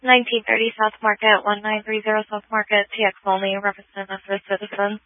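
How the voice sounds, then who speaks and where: A dispatcher reads out addresses and call signs in an even, unvarying voice at a quick pace, repeating key details. The sound is a two-way radio transmission, dry and squeezed into a narrow phone-like band. It is plain, procedural dispatch talk. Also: mid-range voice, no room sound, soft background music.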